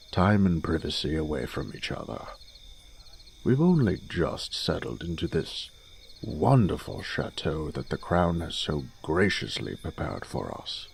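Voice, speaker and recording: In a fantasy audio drama, a man plays an older noble father who comes across as avuncular and dignified. His very low, rumbling voice is gravelly, a little mellow and exaggerated, delivered in a stately, measured, unhurried way. A faint cricket-like noise runs in the background.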